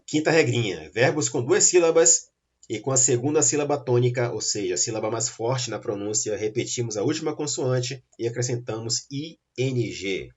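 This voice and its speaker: A man's voice: mid-range voice, moderate pace, darkish tone, slightly rough, highs cut off. A male teacher with a Brazilian Portuguese accent explains grammar rules step by step, often checking in with his students. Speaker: English teacher. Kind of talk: recorded grammar lesson.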